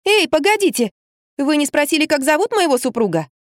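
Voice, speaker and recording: A woman voicing an excitable young wife who plays the fool, exclaiming and indignant. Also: sits high, normal speed, dry recording, studio quality, pitched above the performer's own voice. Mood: agitated.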